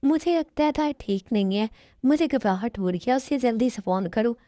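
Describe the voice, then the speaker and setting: A woman's voice: fairly high pitch, lively intonation, moderate pace, warm tone, no echo, clean studio sound, close to an everyday voice. A woman voicing an anxious, insistent older father in a fan dub. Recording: music in background.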